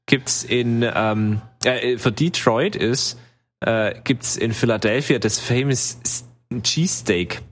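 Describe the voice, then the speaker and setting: A man's voice: medium pitch, husky. A man telling a long travel story in casual chat, rambling with many fillers. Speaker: podcast co-host telling travel stories.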